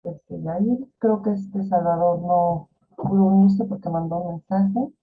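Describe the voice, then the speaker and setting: Faint music plays behind a woman teaching online, her lowish voice steady and a little slow. She explains casually with fillers and rhetorical questions, and the video-call audio sounds tinny, like a phone.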